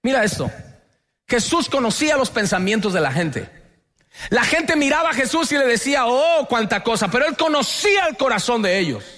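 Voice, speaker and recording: A man from Colombia with a Colombian Spanish accent, preaching a lively sermon as pastor and having the congregation repeat lines after him. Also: very high-pitched, moderate pace.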